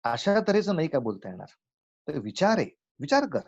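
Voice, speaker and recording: A man giving a spiritual lecture, telling folk tales and slowly chanting verses between his explanations. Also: a little high, very animated, lo-fi sound. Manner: acts out village characters in a folk tale, chants verses slowly.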